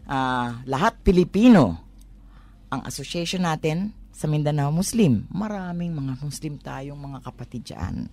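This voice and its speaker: A woman's voice: deep voice, expressive, a little slow, a little mellow. A woman with a Manila Tagalog accent explains conversationally on a talk program, posing rhetorical questions and switching between Tagalog and English. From Manila, Philippines.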